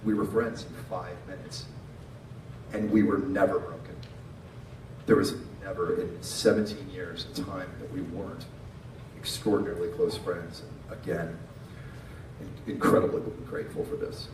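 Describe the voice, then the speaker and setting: A middle-aged man speaks at a funeral in a fairly low voice, giving a tender, informal eulogy. His delivery falters, with pauses and repeated words. He is heard at a distance from the microphone in an echoey space, with clear background noise. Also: level tone. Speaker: eulogist, friend of the deceased.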